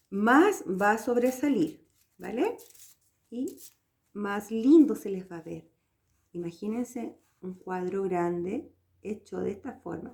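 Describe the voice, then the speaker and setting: A woman's voice: medium pitch, darkish tone. A woman from Chile, patiently walking viewers through a craft project step by step and checking they follow. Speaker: craft teacher. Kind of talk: hands-on craft tutorial.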